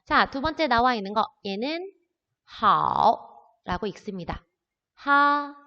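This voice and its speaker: A woman's voice: on the high side, big pitch swings, unhurried. A woman teaching an introductory language lesson, explaining words patiently step by step. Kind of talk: recorded classroom lesson. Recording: dull lo-fi audio with long reverb.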